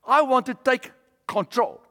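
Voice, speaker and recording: A male preacher delivering a sermon in an animated way, with humorous asides. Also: extremely high pitch, measured pace, long reverb tail.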